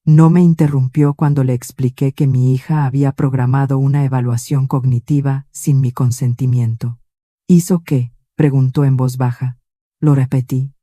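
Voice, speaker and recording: Composed woman narrating in a dark voice. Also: very deep voice, level tone, dry recording, studio quality. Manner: measured, composed, deliberate. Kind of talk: scripted first-person story narration.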